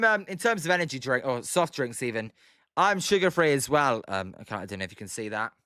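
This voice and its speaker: A young British man in his twenties hosting a livestream, calling pitches and casually answering viewers' chat. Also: pushed and bright, dry recording, studio quality. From United Kingdom. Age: 20s. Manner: chatty, reads out viewers' names and answers them between pitch calls. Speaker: livestream host. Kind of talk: casual play-by-play with chat replies.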